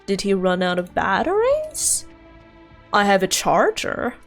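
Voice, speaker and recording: A woman's voice: mid-range voice, wildly swooping pitch, a little slow. A woman livestreaming a game, chatting casually with playful, self-mocking, giggly asides. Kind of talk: casual livestream chat over gameplay. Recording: faint game music behind voice.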